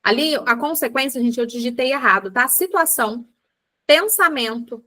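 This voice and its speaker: A woman's voice: fairly high pitch, normal speed, bright, forceful tone. A Brazilian woman, a psychologist, giving a chatty online lecture, addressing her listeners directly and acting out everyday examples. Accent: Brazilian Portuguese. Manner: chatty, addresses audience as "gente", acts out examples. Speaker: psychologist teaching a book club class.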